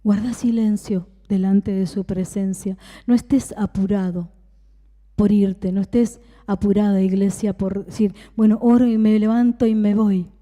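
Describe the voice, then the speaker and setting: Woman pastor, Rioplatense accent, dark mellow tone, emphatic repeated phrases and hushed asides, preaching in a church with long hall reverb. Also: medium pitch, little pitch movement, a little slow. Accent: Rioplatense Spanish. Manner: preaching with emphatic repetition, dropping to a whisper at times. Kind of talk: sermon.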